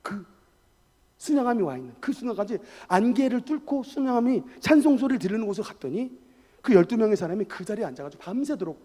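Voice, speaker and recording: A man preaching a sermon as pastor, telling emphatic personal stories in an animated way. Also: sits high, fast. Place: church sanctuary. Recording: echoey church hall.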